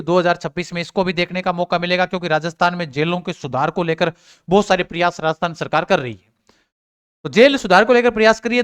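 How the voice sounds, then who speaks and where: A man's voice: high-pitched, fairly bright tone, clear, resonant tone. A man giving exam updates to students in a casual teaching talk, asking his own questions and answering them.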